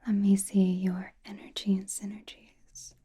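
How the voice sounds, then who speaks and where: A woman voicing a powerful, mysterious witch in a slow, breathy, intimate ASMR whisper, gently teasing and soothing. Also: mid-range voice, flat delivery. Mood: knowing, measured.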